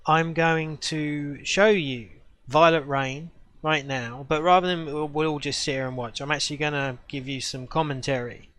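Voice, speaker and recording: A man's voice: on the high side, fairly even intonation, moderate pace, hardly any pauses, a bit bright, no room sound. A young man, a filmmaker, giving casual rambling commentary over his own short film. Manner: chatty, rambling, self-deprecating. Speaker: filmmaker and game streamer.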